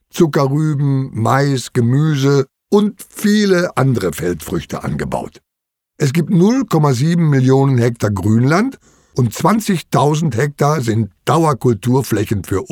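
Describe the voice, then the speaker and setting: A middle-aged man narrating a children's farm story in an expressive storytelling manner. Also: no room sound, studio quality. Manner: expressive, sweeping pitch.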